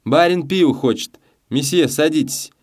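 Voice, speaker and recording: A man's voice: fairly low pitch, expressive, normal speed, a little mellow, natural voice. A man voicing a brazen, defiant fallen woman in a slum tavern. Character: fallen painted woman, proud colonel's widow.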